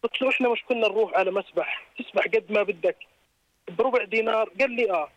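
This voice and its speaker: Phoning in to a radio show, a Jordanian-accented man in his thirties chats casually and tells anecdotes. He speaks rapid-fire in a high, slightly bright voice. Because it's a phone call, the high frequencies are cut off.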